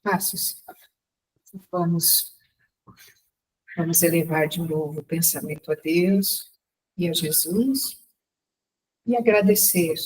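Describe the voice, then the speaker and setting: Slow reverent woman, distant. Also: on the low side, fairly even intonation. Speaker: group member leading a prayer. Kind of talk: spoken prayer. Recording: distant from the mic.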